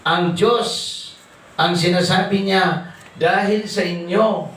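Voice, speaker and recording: A man preaching a sermon, slow and halting, mixing English scripture quotes into his talk. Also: sits high, steady tone, fairly bright tone. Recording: echoey, distant hall sound with faint ambience.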